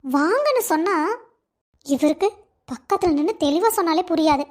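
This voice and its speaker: A woman's voice: very high-pitched, expressive, moderate pace, darkish tone. A woman voicing a doting, bossy middle-aged mother in a cartoon story, fussing over her family. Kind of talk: Tamil cartoon voice acting.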